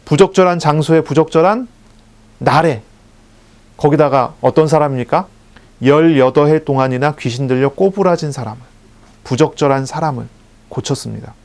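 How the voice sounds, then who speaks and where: A pastor delivers his sermon in a somewhat high male voice. He explains the text patiently, repeating key phrases for emphasis. He poses questions to the congregation and answers them himself. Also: moderate pace, pauses often, a little mellow.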